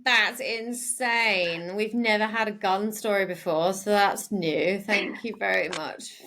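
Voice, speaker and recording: A woman's voice: mid-range voice, slow pace, sharp tone. A woman hosting a podcast, chatting casually and wrapping up a guest's story with a moral. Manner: wraps up with a moral. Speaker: podcast host.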